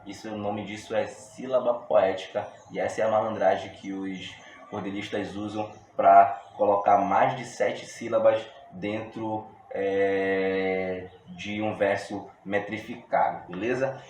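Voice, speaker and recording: A man with a Brazilian Portuguese accent teaching a poetry workshop lesson in a relaxed, slangy way, explaining step by step with frequent restarts. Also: lowish voice, a little slow. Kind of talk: casual video lesson. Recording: roomy echo with faint room noise.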